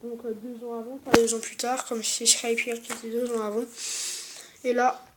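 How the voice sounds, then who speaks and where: A speaker presenting an unboxing video in an informal, halting and repetitive way, with speech affected by new dental braces. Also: mid-range voice, flat delivery. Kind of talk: casual unboxing commentary, partly reading aloud. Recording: clearly noisy home-made recording.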